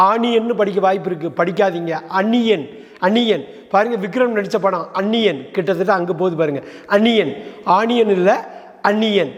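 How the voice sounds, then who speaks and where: A man teaching English pronunciation, spelling words out letter by letter and asking the listener rhetorical questions. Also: high-pitched. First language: Tamil. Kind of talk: explaining pronunciation. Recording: long hall reverb.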